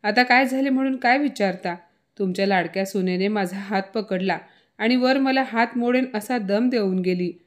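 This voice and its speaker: A woman's voice: mid-range voice, normal speed, close to an everyday voice. A woman voicing an older mother-in-law who scolds and complains dramatically in a storybook tale. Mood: angry, wailing.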